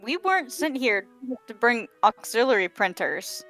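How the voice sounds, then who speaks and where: Female player, high-pitched, casual game talk, dry sound with light music behind. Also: big pitch swings, moderate pace, a bit bright.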